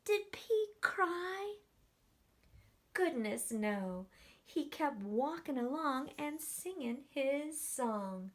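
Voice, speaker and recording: A woman teacher reading a picture book aloud to children, animated, with gasps and questions to the kids. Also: high voice, drawn-out words. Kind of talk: children's story read-aloud.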